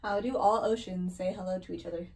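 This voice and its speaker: A woman's voice: on the low side, fairly even intonation, fast talker, a little mellow. A young woman acting as a sidekick, feeding joke questions in a playful exchange. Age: young adult. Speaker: sidekick repeating joke setups. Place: small indoor room. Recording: off-mic, distant, with clear background noise.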